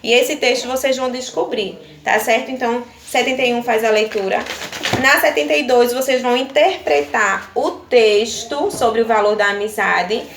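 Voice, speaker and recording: A woman's voice: fairly high pitch, moderate pace, gravelly, a bit bright, a little hiss or hum. A young woman teaching primary pupils in a recorded video lesson, with a Brazilian Portuguese accent, patiently checking in with "tá certo?" after every point. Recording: echoey room with faint ambience.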